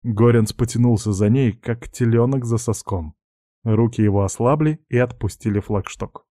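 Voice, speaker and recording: Male audiobook narrator; wry, measured, dark timbre. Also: mid-range voice, no room sound, studio quality. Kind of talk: audiobook reading.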